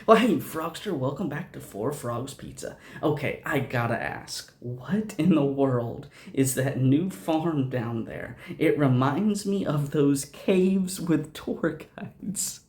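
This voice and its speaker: A man voicing a friendly male pizzeria owner in a game world, reading his lines slowly and haltingly. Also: on the high side, expressive, darkish tone. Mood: curious. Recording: roomy echo.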